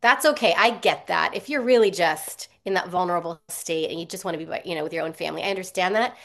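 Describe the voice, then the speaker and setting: A woman's voice: lowish voice, quick pace, a bit bright. Candid reflective woman pastor. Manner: candid, reflective, laughs between phrases. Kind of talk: speaking on a video call discussion. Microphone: video call.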